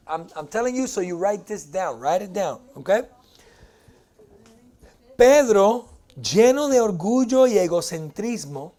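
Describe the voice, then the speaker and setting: A man's voice: high-pitched, mellow. A man preaching a sermon to a church congregation, playful and joking and dropping English phrases into his talk. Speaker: pastor.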